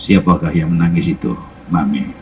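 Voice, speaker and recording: A man voicing a gentle blind widower from an old film, speaking in slow, soft, mournful dialogue. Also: a bass voice, steady tone, highs cut off, pitched below the performer's own voice. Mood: gentle, wondering.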